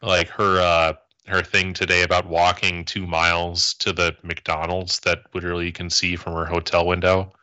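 A man's voice: low-pitched, monotone, bright, forceful tone. A man co-hosting a casual political podcast, making sardonic and mocking remarks. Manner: sardonic, mocking, quick quips. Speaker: podcast co-host.

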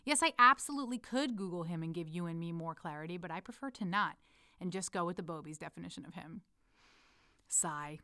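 A woman's voice: fairly low pitch, quick pace, bright, forceful tone, no echo, clean studio sound. Intimate, playful woman reading her letter aloud. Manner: intimate and playful, addresses the listener as her love. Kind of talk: personal letter read aloud. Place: lives in Amsterdam.

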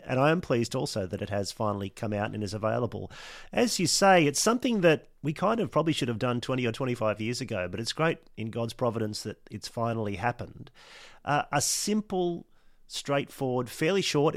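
A man's voice: medium pitch, no room sound, studio quality. A man hosting a podcast, chatting in an easygoing way over a remote call, his voice slightly muffled from a cold. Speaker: podcast host. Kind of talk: casual conversation.

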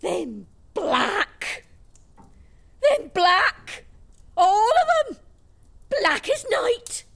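An excitable village gossip in a radio play blurts out news breathlessly. Her very high voice leaps around as she exclaims. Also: moderate pace, no room sound. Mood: excited. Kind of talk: radio drama acting.

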